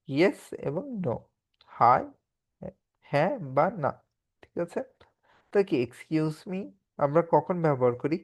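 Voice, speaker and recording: A man's voice: fairly high pitch, a little mellow. A man with a Bangladeshi accent teaching a spoken English lesson in an online class, explaining patiently and often checking with the students.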